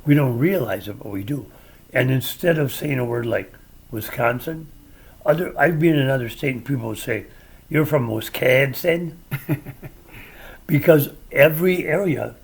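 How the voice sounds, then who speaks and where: An older Midwestern man with a gravelly, husky voice, chatting casually on a podcast. He tells stories and offers wry opinions in a conversational way. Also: medium pitch, lively intonation, normal speed. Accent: American Midwestern. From American Midwest. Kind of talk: casual chat.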